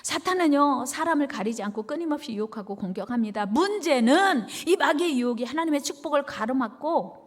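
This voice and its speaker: A woman's voice: sits high, animated, a little fast. A woman pastor preaching a sermon, leading the congregation in call-and-response with emphatic repetition.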